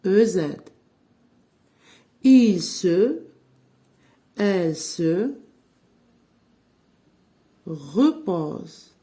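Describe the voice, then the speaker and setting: A woman French teacher gives a grammar lesson, dictating slowly and spelling out verb endings letter by letter. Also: mid-range voice, expressive, dark tone. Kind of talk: slow classroom-style grammar lesson.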